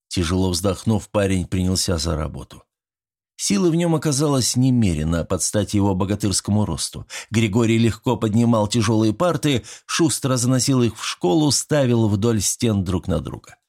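A man narrating a first-person audiobook in a lively, expressive way. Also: fairly low pitch.

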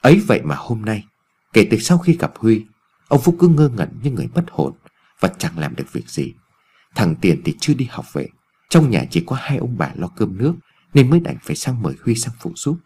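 A man narrating a ghost story in an expressive storytelling reading. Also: lowish voice, a little fast, husky.

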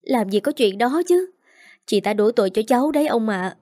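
A woman voicing a spiteful, sharp-tongued young woman who scolds with contempt. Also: a little high, lively intonation, normal speed, no echo, clean studio sound. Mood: indignant.

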